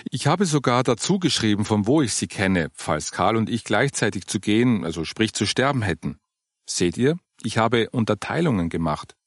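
Putting on the voice of a patient, gently cheerful older woman from church, a male narrator explains things at a moderate pace. He pitches her slightly above his normal voice, with wide pitch swings and a breathy edge, recorded close and dry with no echo.

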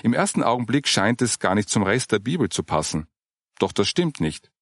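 Patient, earnest woman explaining gently, read by a low-voiced male audiobook narrator. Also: very animated, normal speed, dry recording, clean studio sound. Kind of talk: audiobook character reading.

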